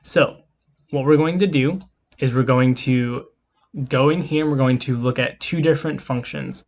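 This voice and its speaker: A man's voice: medium pitch, moderate pace, darkish tone. Man casually teaching coding over keyboard clicks. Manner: casual, explanatory, talks while typing code. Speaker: lecturer. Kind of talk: screen-recorded coding lecture.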